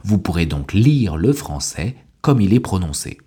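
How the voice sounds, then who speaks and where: A man hosting a podcast as a language teacher, giving a scripted lesson with clear, deliberate delivery. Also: low voice, very animated, mellow, soft background music. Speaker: French teacher and podcast host.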